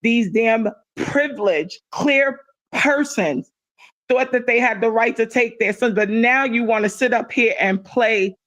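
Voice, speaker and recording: A woman's voice: a little high, unhurried, a bit bright, no room sound. Impassioned middle-aged woman in casual chat. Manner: impassioned, emphatic, repeats herself for stress.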